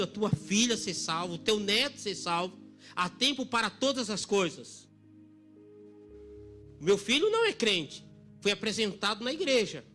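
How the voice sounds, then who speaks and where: A middle-aged man preaching a sermon at a church service, emphatic, dropping very soft for quoted lines. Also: sits high. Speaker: pastor.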